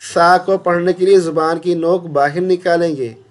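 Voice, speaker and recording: A man teaching Quran recitation with tajweed, reciting syllables slowly and stretched, then correcting mistakes in quick asides. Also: high-pitched, steady tone. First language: Urdu. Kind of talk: tajweed lesson, slow drilled recitation.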